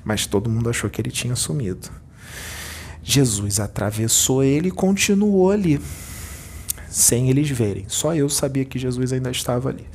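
A spiritual medium, a man, recounting a vision to his audience in an animated, repetitive storytelling manner. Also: medium pitch, normal speed, a little hiss or hum. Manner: animated storyteller, repeats himself.

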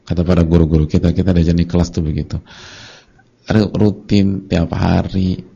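A man giving a casual, colloquial religious lecture, telling lively stories and acting out short dialogues. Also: low voice, moderate pace, vocal fry, slightly rough. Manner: colloquial and conversational. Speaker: Islamic preacher. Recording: dull lo-fi lecture recording.

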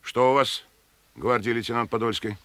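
Actor as bright-voiced, solemn Soviet naval commander. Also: male voice, mid-range voice, steady tone, dry recording, lightly acted. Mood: resolute. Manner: measured, authoritative. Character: solemn Soviet torpedo-boat division commander, resolute, fatherly. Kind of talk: Russian war drama, military address.

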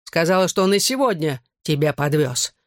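A woman's voice: low-pitched, expressive, moderate pace, no echo, studio quality. A woman voicing a drunk, violent middle-aged father who snarls and slurs his words. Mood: drunk, furious. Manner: slurred, snarling, barking.

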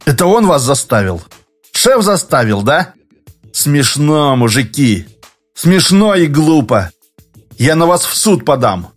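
A man's voice: a little high, sing-song, slow, faint music behind, heavily acted. A man voicing a frustrated, stubborn young office worker who talks bluntly and grows exasperated in an audiobook. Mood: bewildered, indignant.

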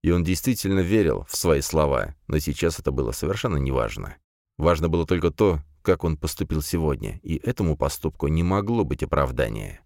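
A man reading a first-person fantasy audiobook in an even, measured way. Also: very deep voice, vocal fry, no echo, clean studio sound. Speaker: audiobook narrator.

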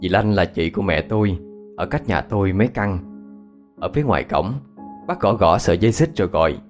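Low, expressive male storyteller. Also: brisk, soft background music. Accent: Southern Vietnamese. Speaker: narrator. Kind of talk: ghost story narration.

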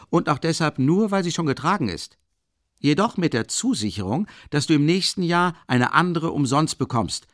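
A man's voice: medium pitch, dry recording, studio quality, pitched above the performer's own voice. A man voicing a giddy, bustling young friend. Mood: indignant, boastful. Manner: excited, lively, quick-tempered, teasing. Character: eager, talkative young male friend, fussing and boastful. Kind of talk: audiobook reading with acted dialogue.

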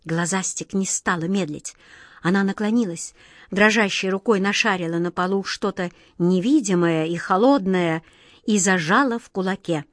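A woman narrating a fairy tale audiobook in a calm, measured storytelling voice. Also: mid-range voice, no room sound, clean studio sound.

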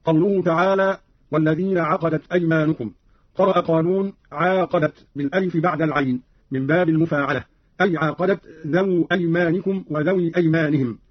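A high-voiced man reads a formal scripted explanation in a measured tone, now and then demonstrating a recited phrase. The recording is dull and lo-fi, like old radio, and very dry, with no room sound. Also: fairly even intonation, breathy edge, dry recording. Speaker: radio presenter explaining readings.

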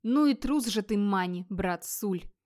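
A woman's voice: fairly high pitch, normal speed, darkish tone, close to an everyday voice. A woman reading the lines of an irritable, bold young male hunter in an audiobook, in a snapping, exasperated manner. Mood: irritated.

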